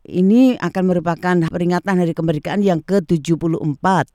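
A woman's voice: on the low side, steady tone, fairly quick, mellow. A woman conducting a conversational radio interview as the interviewer.

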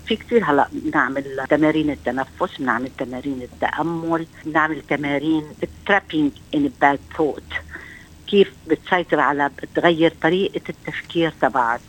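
Woman, Levantine Arabic accent, middle-aged, social counselor, quick explanatory talk, frequent fillers. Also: low-pitched, fairly bright tone, rough recording. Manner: explanatory, thinks aloud with fillers and restarts. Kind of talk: radio interview answers.

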